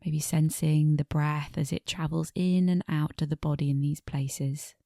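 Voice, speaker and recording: Guiding listeners through a body scan, this female meditation teacher speaks in short, unhurried phrases separated by pauses, each ending softly and fading toward breath. She has a low, gravelly voice and a flat delivery, recorded in a studio with no room sound.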